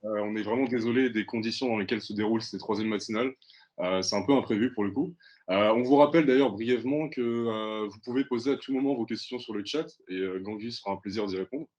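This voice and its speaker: A man's voice: fairly low pitch, quick pace, darkish tone, muffled recording, slight background noise. A young man hosting a student webinar, talking in an apologetic, hesitant way. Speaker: student host.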